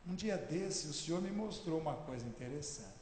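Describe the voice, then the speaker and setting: An older man in his sixties preaches with an emphatic, forceful delivery and a fairly high voice. The sermon rings out through an echoey church hall with a long reverb tail. A faint hum of the room sits behind him. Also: expressive, normal speed. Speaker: pastor.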